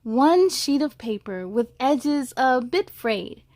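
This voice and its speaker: This woman reads storybooks aloud for children, speaking straight to her young audience with enthusiasm and chatty asides. Her high voice is sing-song, slow and a little mellow, recorded clean like a studio with no room sound.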